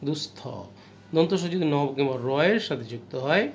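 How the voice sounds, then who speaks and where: A man with a Bangladeshi Bengali accent teaches a grammar lesson in a fairly high voice. He spells out each rule slowly, repeats it, and checks in with questions. A faint room ambience sits behind him. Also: lively intonation, a little hiss or hum. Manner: explains slowly, repeats rules, asks the class questions.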